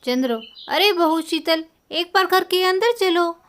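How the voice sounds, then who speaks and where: A woman's voice: extremely high pitch, a little slow, fairly bright tone. A woman doing a bossy village mother-in-law. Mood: stern. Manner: scolding and bossy. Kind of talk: storybook voice acting.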